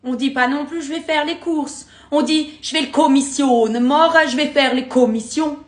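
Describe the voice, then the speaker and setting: A very high-voiced woman talks to the camera in a theatrical, emphatic way. She sounds like a comic teacher presenting local words. The room is echoey, as if filmed on a phone in a kitchen. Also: moderate pace. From Alsace, France. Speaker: content creator. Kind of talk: comedic dialect lesson to camera. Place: home kitchen, indoors. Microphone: phone at arm's length.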